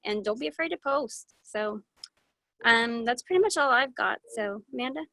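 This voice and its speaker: A woman's voice: a little high, expressive, normal speed, gravelly, bright, forceful tone, dry recording. A woman giving frank, earnest sales advice in a casual group call, with many fillers. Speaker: presenter sharing sales tips.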